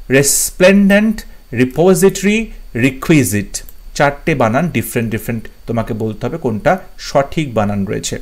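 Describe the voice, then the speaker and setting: Man, English spelling teacher, slightly high voice, spells words letter by letter, repeats key words. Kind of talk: spelling lesson for exam students.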